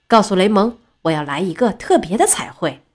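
A woman voicing a wise old male race car doctor in a storybook, calm and fatherly. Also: medium pitch, fairly quick.

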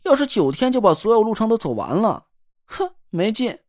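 A man's voice: high voice, big pitch swings, moderate pace, a little mellow, no echo, clean studio sound. A man doing a pouting spoiled girl. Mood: sulky. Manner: sulky, pouting. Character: spoiled sulky young woman.

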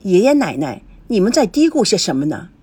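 A woman's voice: mid-range voice, very animated, a little fast, mellow, slightly rough. A woman reading a young grandson, evasive. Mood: casual. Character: young grandson, newlywed man, evasive and kind.

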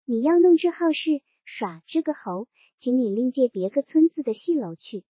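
Brief: blunt, evasive older village patriarch, dry and unbudging, read by a woman with a high, breathy voice. Lo-fi storybook audio. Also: very animated, moderate pace, no room sound, full character voice. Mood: guarded, dry. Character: stubborn older male clan head, guarded and dry. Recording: dull lo-fi recording.

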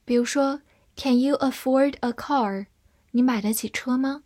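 A woman with a fairly high voice leads a scripted vocabulary lesson. She speaks slowly, spelling out each word letter by letter before modeling it carefully. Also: darkish tone. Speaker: English vocabulary teacher.

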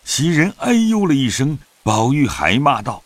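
A man narrating a classic novel in an audio drama, in an expressive storytelling manner. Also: medium pitch, unhurried, dry recording.

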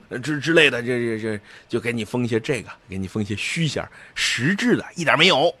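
A man's voice: fairly high pitch, fairly bright tone, dry recording. A man giving a colloquial, jokey storytelling history lecture.

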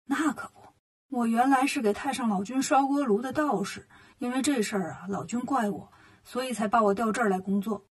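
A woman voicing a gentle old male earth god in a storybook, who speaks slowly and coaxingly. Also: breathy edge. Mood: confiding. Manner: slow, coaxing, lowered voice.

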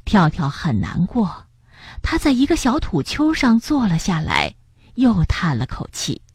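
A woman reading a children's story aloud, gentle and expressive. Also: mid-range voice, a little slow, husky, no echo.

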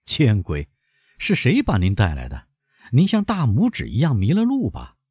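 A man's voice: mid-range voice, wildly swooping pitch, moderate pace, darkish tone, husky, dry recording, clean studio sound, pitched above the performer's own voice. A man reading an audiobook, voicing a genial, talkative male newspaper journalist. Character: affable male newspaper journalist, amiable then proud. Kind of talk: audiobook character voice.

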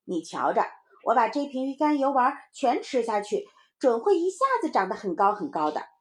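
A woman voicing a cheeky little boy in a storybook, with a high chirpy child voice and a boastful manner. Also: very animated, fairly quick. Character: cheeky little boy proud of his drawing.

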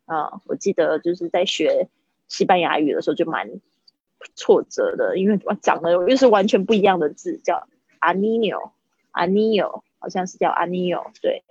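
A woman teaching English vocabulary to Chinese speakers in a chatty livestream, repeating words slowly to model how they sound. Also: lowish voice, expressive, darkish tone, breathy edge, dry recording, highs cut off.

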